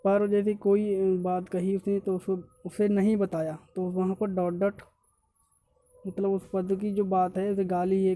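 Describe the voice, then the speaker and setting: A man's voice: sits high, dark tone. A male teacher giving an exam-prep grammar lesson, repeating points and correcting himself often as he explains step by step.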